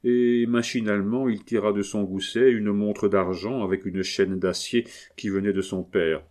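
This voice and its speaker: Low-voiced man narrating an audiobook. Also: fairly even intonation, a little mellow. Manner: measured, storytelling.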